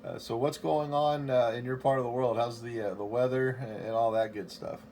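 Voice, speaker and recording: A man making a ham radio call from his home station, calling CQ over and over, spelling his call sign in phonetic alphabet in a steady, repetitive way. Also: mid-range voice, fairly quick, a little hiss or hum. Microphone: station microphone.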